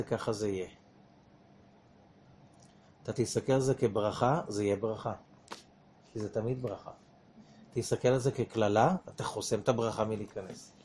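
A man's voice: medium pitch, darkish tone, slight background noise. A man teaching a lesson on the weekly Torah portion, often asking his listeners rhetorical questions as he explains.

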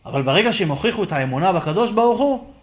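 A man teaching a lively Torah class, firing rhetorical questions and acting out the dialogue. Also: sits high.

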